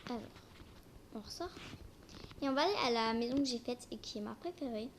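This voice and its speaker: High-voiced young female with braces, noisy recording. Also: fairly quick. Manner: talks with braces, slightly impeded articulation. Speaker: amateur video creator. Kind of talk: casual hesitant gameplay presentation. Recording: noisy homemade recording with clicks.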